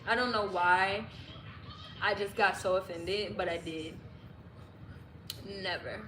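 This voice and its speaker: In a casual stream from an echoey room with clear background noise, a young woman from Illinois in the American Midwest goes through viewers' comments, playful and quick to laugh as she guesses aloud at their guesses. She speaks slowly, at a medium pitch.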